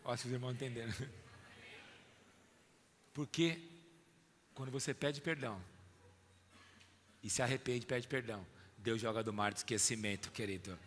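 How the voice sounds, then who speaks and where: A man's voice: medium pitch, steady tone, normal speed, pauses often, fairly bright tone, in a large hall, slight background noise. A Brazilian man preaching a sermon with an emphatic, fervent manner, often calling listeners son or dear. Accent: Brazilian Portuguese. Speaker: pastor.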